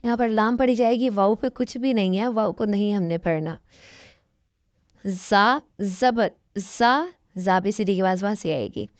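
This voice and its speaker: A woman teaching Quran recitation with an Urdu accent, patiently explaining rules and sounding out each syllable slowly. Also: medium pitch, a little mellow, no room sound. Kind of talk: slow spelled-out lesson with drawn-out syllables.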